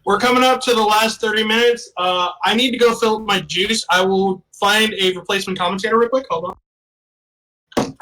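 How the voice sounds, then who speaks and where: High, bright-voiced man joking around. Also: normal speed, low-quality recording. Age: 30s. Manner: rambling, joking, self-mocking. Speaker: podcast co-host. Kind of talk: casual comedic banter.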